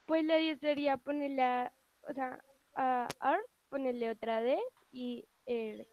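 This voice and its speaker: A teenage student speaking softly and hesitantly on a video call. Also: female voice, sits high, fairly even intonation, slow, dull audio. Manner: soft, hesitant.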